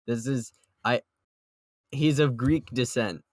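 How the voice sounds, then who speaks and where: Over a dry-sounding online voice call, a man with a mid-range voice talks slowly as a podcast co-host. He chats casually and playfully about manga, full of jokes.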